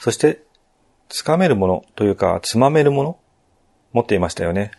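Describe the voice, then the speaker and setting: A man calmly narrating a game walkthrough in polite speech, adding his own asides. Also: on the low side, moderate pace, creaky.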